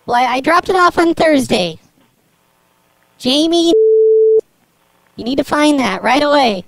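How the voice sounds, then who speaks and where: A man's voice: animated, measured pace, fairly bright tone, dry recording, exaggerated voice, low-quality recording. A man using a voice changer to sound like a woman, playing a fussy dry-cleaning customer in a prank call. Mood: demanding. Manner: prank caller, demanding and impatient. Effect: voice changer shifting his voice high. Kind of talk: prank call on a comedy show. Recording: voice changer output with clear noise.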